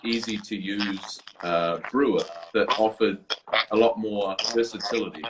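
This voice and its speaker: A man's voice: on the low side, fairly even intonation, unhurried, heavy background noise. A man being interviewed from his office over a video call, explaining a product with many fillers and restarts. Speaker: guest, coffee brewer designer.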